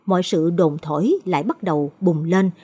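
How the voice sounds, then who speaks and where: A woman narrating a late-night ghost story as scripted narration, reading in a dramatic, expressive way. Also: fairly low pitch, moderate pace, breathy edge.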